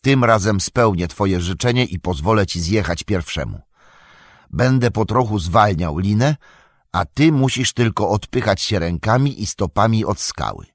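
A man voicing a steady, wry young male hobbit who speaks calmly and encouragingly. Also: on the low side, normal speed, dry recording, studio quality.

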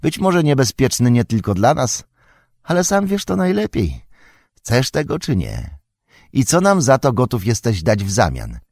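A man's voice: mid-range voice, wildly swooping pitch, measured pace, gravelly, a little mellow, no echo, studio quality, voice pushed up, heavily acted. A man voicing a shrewd young male hobbit who argues urgently in an audiobook. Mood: defiant.

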